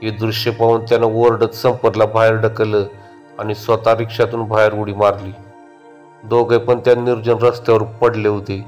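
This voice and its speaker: A man narrating a horror story in a steady, measured way. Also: on the low side, highs cut off, soft background music.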